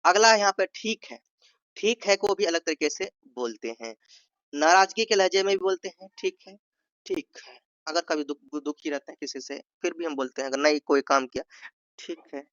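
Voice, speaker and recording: A man's voice: fairly high pitch, lively intonation, brisk, a bit bright, clean tone, no room sound, lo-fi sound. A man teaching an exam-prep lesson, going over each point twice, checking in with "ठीक है" and acting out sample sentences in different tones. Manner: repeats points, says "ठीक है" often, acts out sample tones. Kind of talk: explanatory Hindi lesson.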